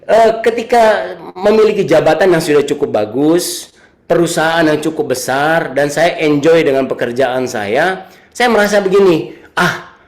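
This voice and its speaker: A man in his thirties giving a casual sermon with a personal story, chatty, repeating his phrases and teasing his young listeners. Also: a little high. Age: 30s. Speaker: youth service speaker.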